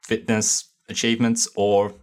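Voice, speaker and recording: Deep-voiced man explaining at ease. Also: little pitch movement, unhurried. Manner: laid-back, explains step by step with many ums. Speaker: podcast co-host. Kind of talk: casual explanatory chat.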